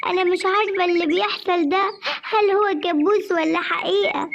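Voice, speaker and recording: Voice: extremely high pitch, fairly even intonation, brisk, muffled recording. A performer voicing an anxious, grief-stricken mother gazelle in a cartoon, with an Egyptian accent and a lamenting, pleading way of speaking. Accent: Egyptian Arabic. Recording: clear background noise.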